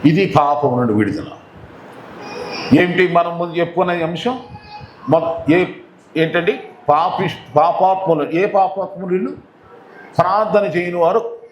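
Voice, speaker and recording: A man's voice: sits high, unhurried, pauses often, roomy sound, a little hiss or hum, poor audio. A man preaching a sermon, repeating key words emphatically and asking the congregation questions. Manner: repetitive, emphatic preaching with call-and-response questions. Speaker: pastor. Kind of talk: Telugu sermon.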